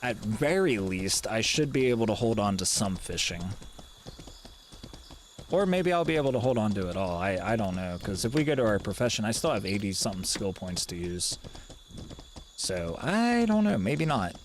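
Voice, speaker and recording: A man's voice: lowish voice, animated, brisk, slight background noise. A man streaming a game live, talking in a laid-back, rambling way and swearing casually.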